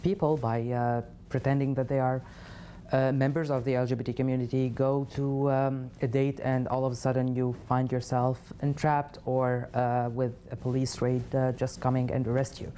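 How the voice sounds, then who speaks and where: A man from Syria, answering in a TV studio interview in a halting way, with many pauses and fillers. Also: medium pitch, flat delivery, dark tone, a little hiss or hum. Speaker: interview guest, refugee.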